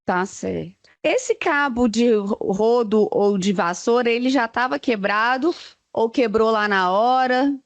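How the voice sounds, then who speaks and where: A woman's voice: on the high side, no room sound, dull audio. A woman with a Brazilian Portuguese accent questioning a witness in court, firing off pointed questions one after another. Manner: probing, rapid-fire questions.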